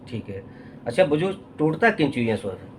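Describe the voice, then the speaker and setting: A man's voice: medium pitch, very animated, slight background noise. A man interviewing a religious scholar, asking about common beliefs he has heard. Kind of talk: interview questions.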